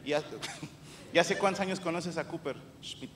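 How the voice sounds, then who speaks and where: Mexican comic with a high voice, teasing and crude, working the crowd in a reverberant live venue with audience noise. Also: male voice, normal speed. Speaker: comedian interviewing audience members. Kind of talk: crowd-work comedy interview.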